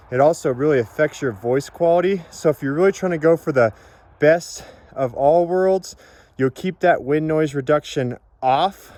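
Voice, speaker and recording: A man's voice: a little high, a little mellow. A man giving a casual, informal product demonstration in an instructional way, as a reviewer.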